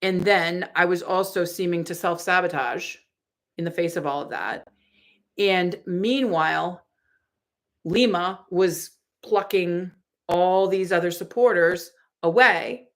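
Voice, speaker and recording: Speaking slowly at a fairly low pitch, this forties-aged female streamer rambles through her chat messages aloud, stumbling over fillers and starting sentences over. It's relaxed livestream talk.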